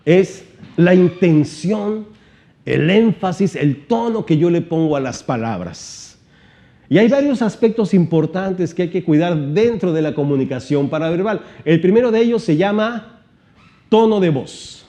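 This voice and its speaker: A man giving an animated seminar-style teaching talk, shifting his volume and pitch and asking many rhetorical questions. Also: unhurried. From Mexico. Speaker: motivational trainer.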